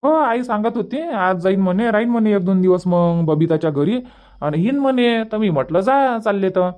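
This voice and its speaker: A performer voices a polite, busy young village man in a Marathi cartoon comedy, speaking with a Varhadi Marathi accent from Vidarbha in a respectful, coaxing manner. The voice is medium-pitched and darkish, close to an everyday voice, with lively intonation at normal speed.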